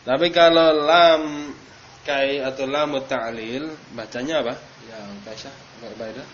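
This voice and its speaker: A man's voice: medium pitch, fairly even intonation, measured pace, fairly bright tone. A man teaching Arabic grammar to a class, quizzing students by name and stressing drill words. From Indonesia. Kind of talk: classroom lesson. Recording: dull noisy classroom recording.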